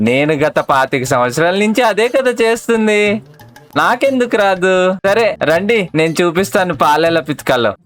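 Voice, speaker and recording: A voice actor playing a gentle, fussing village farmer uncle in a cartoon fan dub, proud and a little preachy. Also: mid-range voice, lively intonation, moderate pace, no echo, faint music behind, close to an everyday voice.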